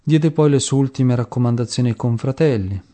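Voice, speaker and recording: A man reads the life of a saint aloud with devotion. His voice is warm and mellow. He sets each phrase down slowly and reverently. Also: mid-range voice. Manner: slow, measured and reverent. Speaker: devotional reader.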